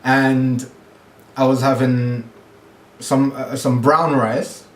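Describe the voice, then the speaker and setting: A man's voice: mid-range voice, little pitch movement, takes it slowly, roomy sound. A man from Guyana talking casually to camera about his diet, with many fillers and restarts. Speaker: fitness vlogger.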